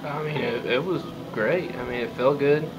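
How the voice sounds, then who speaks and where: A young man in his twenties, a college pitcher, answering postgame questions in a relaxed, modest way with lots of fillers. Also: moderate pace, highs cut off, over loud music. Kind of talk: postgame press conference. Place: press room before a sponsor backdrop.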